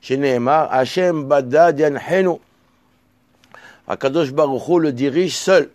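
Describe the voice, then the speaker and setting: This Talmud lesson comes from a male Torah teacher whose voice is slightly high and a little mellow, captured dry with no room sound. He slows down to read the Hebrew and Aramaic, then explains in French in a halting way, restarting and repeating words.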